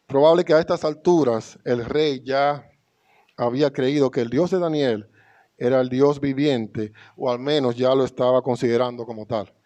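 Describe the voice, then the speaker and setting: A man's voice: mid-range voice, moderate pace, dark tone. A man with a Dominican Spanish accent preaching a sermon to his congregation, reading scripture aloud with rising emphasis. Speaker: pastor.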